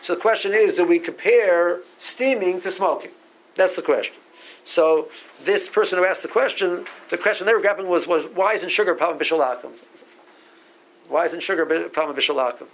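This rabbi from Barbados speaks fairly quickly in a high, somewhat bright voice, and the recording is rough. Teaching a Talmud class, he reads Hebrew legal terms aloud and frequently repeats himself as he moves through the sources of his halachic lecture.

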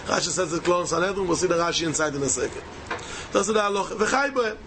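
High-pitched male Torah teacher with Yiddish accent. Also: expressive, quick pace, background noise. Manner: emphatic, repeats key phrases. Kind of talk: Talmud lesson, rhetorical questions and answers.

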